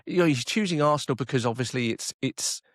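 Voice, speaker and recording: A man co-hosting a football podcast, talking in a worked-up, animated way and reading quotes aloud. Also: medium pitch, fast, no room sound, clean studio sound. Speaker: podcast co-host. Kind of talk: casual football chat.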